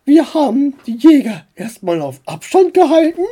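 A woman's voice: sing-song, normal speed. A woman voicing a fond, doting aunt who coos and asks questions in a storybook reading. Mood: fond cooing. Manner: cooing, high and bright.

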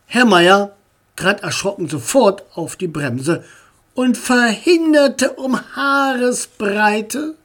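A narrator reading a family storybook chapter aloud. The voice sits in a middle register and moves at an unusually slow, deliberate pace. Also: mid-range voice, fairly bright tone. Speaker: audiobook narrator.

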